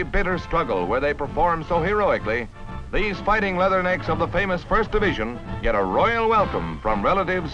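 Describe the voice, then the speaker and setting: An American man with a slightly high voice narrates a 1950s newsreel in a polished, dramatic, declamatory style. The vintage soundtrack has its highs cut off.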